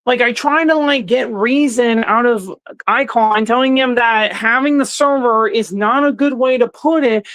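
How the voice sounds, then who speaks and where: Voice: mid-range voice, normal speed, fairly bright tone, dry recording. A channel host rambling through a personal rant, restarting sentences often and sounding earnest and indignant. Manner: rambling, with frequent restarts and filler words.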